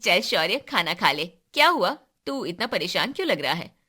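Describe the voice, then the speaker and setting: A woman voicing a caring mother in a cartoon story, bright and concerned. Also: on the low side, sing-song, moderate pace, breathy edge, heavily acted.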